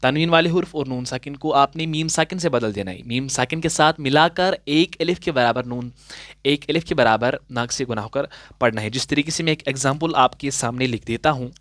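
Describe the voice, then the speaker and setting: A male Quran recitation teacher with an Urdu-tinged Hindustani delivery, speaking at an ordinary middle pitch. He walks through the rules patiently, asking and answering his own questions and drawing out the example verses. The recording is dry and close, with no room echo. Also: fairly quick, fairly bright tone. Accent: Urdu-inflected Hindustani. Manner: patient, asks questions and answers them himself. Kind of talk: classroom-style tajweed lesson.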